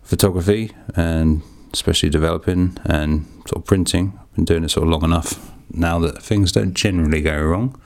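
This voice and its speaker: A man's voice: sits low, fairly even intonation, fairly quick, hardly any pauses, darkish tone. A man hosting a podcast, rambling in a chatty, self-deprecating way with casual swearing as he talks through hands-on work in a small echoey darkroom. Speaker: podcast host.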